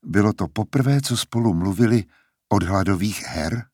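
A man reading a novel aloud as an audiobook narrator, steady and even. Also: fairly low pitch, slightly rough, no room sound, clean studio sound. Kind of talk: scripted narration.

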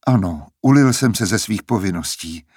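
A man's voice: on the low side, expressive, a little mellow, slightly rough, no echo. A man voicing a polite, earnest young man in an audiobook, close to his own voice.

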